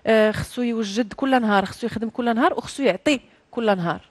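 A woman's voice: on the high side, fast, no room sound. A woman with a Moroccan accent, a guest on a talk show, talking animatedly, laughing often and mixing in French. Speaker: guest, actress. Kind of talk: casual interview.

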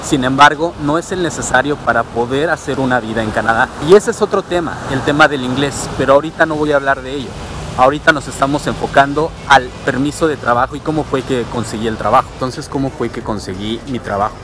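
Outdoors on suburban streets and at a transit station, a man from Mexico vlogs about immigration, explaining things steadily as he walks with a handheld camera at arm's length. His mid-range voice moves at a quick pace over background noise and music.

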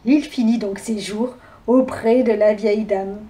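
A woman reading a fairy tale aloud to children in a lively, expressive way. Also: mid-range voice, a little slow. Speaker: storyteller for children.

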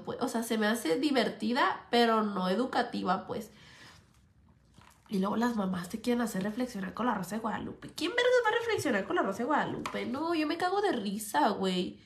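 A young Mexican woman vlogging to the camera in a crude, slangy, swearing chat, calling her viewers sisters. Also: fairly high pitch. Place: indoor set.

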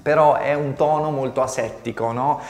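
A man talks the viewer through a lesson in a relaxed, conversational way, often asking rhetorical questions. His voice sits at an ordinary pitch. The recording is roomy, with a long reverb tail behind every phrase. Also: normal speed, faint music behind. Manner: conversational, addresses the viewer directly with frequent rhetorical "no?". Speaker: marketing communication teacher. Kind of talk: explanatory video lesson.

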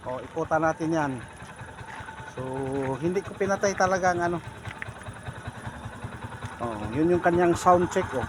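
Male vlogger, high voice, chatty and directing people for photos, light outdoor hum behind. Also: normal speed, pauses often. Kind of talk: casual travel vlog.

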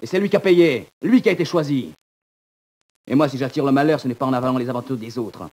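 A man's voice: mid-range voice, quick pace, natural voice. An actor playing a bitter, taunting young male prisoner in a 1940s radio drama, sneering and accusing. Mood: scornful. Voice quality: husky, gravelly. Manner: sneering, accusing, swings to shouting.

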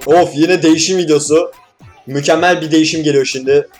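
A man's voice: fairly high pitch, steady tone, faint music behind. Joking young man reacting to clips. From Turkey. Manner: joking, swears, quick asides. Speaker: reaction video host. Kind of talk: casual reaction commentary.

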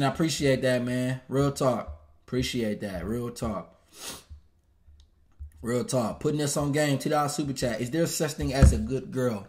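A man's voice: mid-range voice, a little mellow. Blunt, slangy male stream host. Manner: blunt, profane street slang. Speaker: channel host. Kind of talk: casual livestream talk reading viewer messages.

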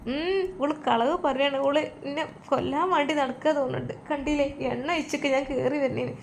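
A woman voicing a sharp-tongued older stepmother in pain, whining and complaining in a Malappuram Malayalam accent. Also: sits high, steady tone, fairly quick, gravelly, a little hiss or hum, voice pushed up.

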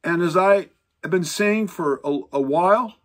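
A man in his sixties, a Bible teacher, lectures to a fixed camera while sitting near it in his book-lined home study. He speaks at a measured pace but animatedly, gesturing with both hands, raising his voice for emphasis and letting his pitch rise as he stresses lists.

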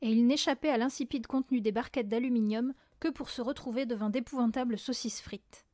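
Brief: woman narrator for an audiobook, high voice, dry close recording. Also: fairly even intonation, fairly quick, warm tone, dry recording. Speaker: audiobook reader.

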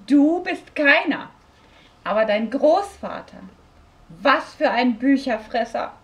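Lisping furry book-muncher, chatty and excitable, higher pitched, storybook voice, done by a woman reader. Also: slow, full character voice. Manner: relishing, playful word-savoring. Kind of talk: storybook reading.

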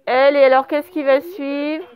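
Woman, teacher, high voice, slow clear dictation, spells letters one by one, dull lo-fi sound. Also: fairly even intonation. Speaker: primary school teacher. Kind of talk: classroom dictation lesson. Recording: slightly dull lo-fi recording.

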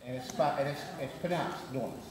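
A man's voice: mid-range voice, moderate pace, crowd noise. A man speaking on stage at a conference as interviewer, telling jokes and loose stories. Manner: joking, anecdotal, loose. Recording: echoey hall, noisy.

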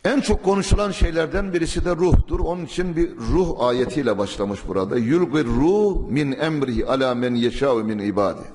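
A man preaching a sermon at a pulpit microphone, in a measured, emphatic way, now and then reciting verses in Arabic. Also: a little high, a little mellow, a little hiss or hum. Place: mosque pulpit. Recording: long hall reverb.

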